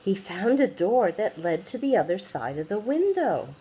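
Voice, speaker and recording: An older woman, a sweet grandmother, reading a children's picture book aloud and gently engaging the young listener. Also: mid-range voice, very animated, moderate pace, breathy edge. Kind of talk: read-aloud children's storytelling.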